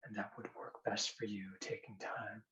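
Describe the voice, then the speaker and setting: A man with a fairly low voice works as a hypnotherapist. He gives gentle, soothing guidance in an unhurried way, as in a hypnosis session. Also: flat delivery, muffled recording. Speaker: hypnotherapist demonstrating a hand induction. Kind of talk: guided hypnosis and explanatory talk.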